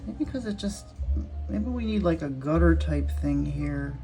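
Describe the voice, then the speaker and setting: A woman's voice: low voice, lively intonation, measured pace, mellow, faint music behind. A woman hosting her art vlog, thinking aloud as she paints and murmuring small self-critical remarks. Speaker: art channel host. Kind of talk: casual art demonstration vlog.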